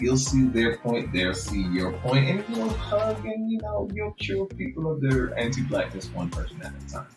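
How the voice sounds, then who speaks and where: A man with a Jamaican accent, telling his story as a podcast guest in an earnest, reflective way and laughing often. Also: mid-range voice. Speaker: guest author. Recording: roomy echo.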